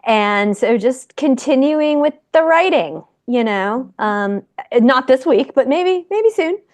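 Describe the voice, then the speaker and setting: A woman who is a memoir author, speaking warmly and earnestly on a video call. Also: high-pitched, expressive, slow. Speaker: group member, memoir author. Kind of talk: casual video call chat.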